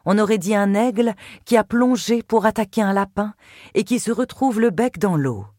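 A woman narrating a first-person literary audiobook in a measured, expressive way. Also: medium pitch, no room sound, studio quality.

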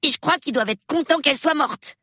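A man's voice: very high voice, expressive, bright, forceful tone, husky, no room sound, studio quality, pitched above the performer's own voice, full character voice. A man voicing an eager, chatty boy of about nine in a storybook reading. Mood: excited. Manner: eager, rapid, gossipy.

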